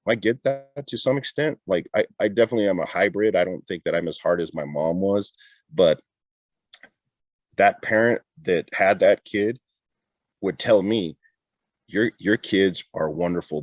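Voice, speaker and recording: A man's voice: sits low, no echo. A middle-aged man talking candidly in a casual interview, often repeating and restarting his words. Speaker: interview guest, retired border patrol agent.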